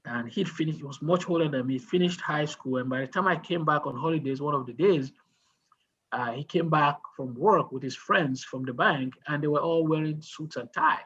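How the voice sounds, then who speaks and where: A man's voice: on the high side, normal speed, a bit bright, husky, muffled recording. A man, mentoring a group in casual talk on a video call, asking questions and telling stories with many restarts. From Nigeria.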